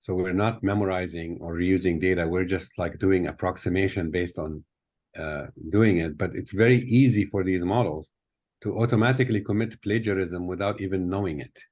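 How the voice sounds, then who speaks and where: Older male guest speaker, very low voice, explains thoughtfully, fillers, laptop mic in a hotel room. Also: normal speed, darkish tone. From Tunisia. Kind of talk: video call Q&A. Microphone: laptop webcam on video call.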